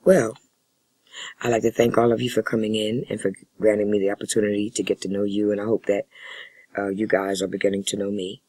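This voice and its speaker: A man speaking as a family therapist in a role-play session, with a husky voice and measured, formal, wordy phrasing. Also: on the low side, monotone, a little mellow, no echo, poor audio. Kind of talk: spoken counseling role-play demonstration.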